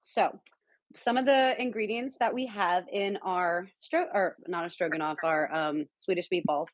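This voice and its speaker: A woman's voice: fairly low pitch, moderate pace, no echo, low-quality recording. Chatty woman guest cook, dry sound. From San Diego, California. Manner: chatty, lots of fillers. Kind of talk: casual cooking chat.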